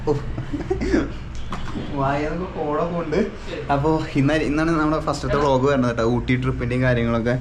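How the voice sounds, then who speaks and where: A young man with a Kerala Malayali accent chatting casually and excitably to his travel vlog viewers, mixing English words and slang into his Malayalam. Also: medium pitch, fast talker. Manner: excitable, exclamatory, addresses viewers often. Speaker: travel vlogger. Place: mostly outdoors on town streets. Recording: noisy outdoor ambience with vehicle sounds.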